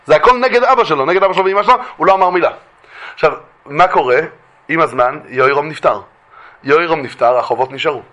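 A man with a bright, crisp voice set slightly high tells a religious lesson as a lively story. He acts out the voices of the people in it. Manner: animated, acts out the voices of the figures. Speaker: religious teacher.

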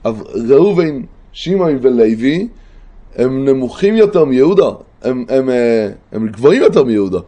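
A man teaching a religious text lesson. He explains step by step, pauses to recall terms, and checks in with his listeners. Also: mid-range voice, very animated, mellow.

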